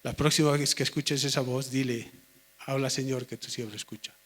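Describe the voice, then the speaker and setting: A man voicing a wise old priest who calmly and quietly instructs a boy. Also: medium pitch, brisk, close to an everyday voice. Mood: gentle.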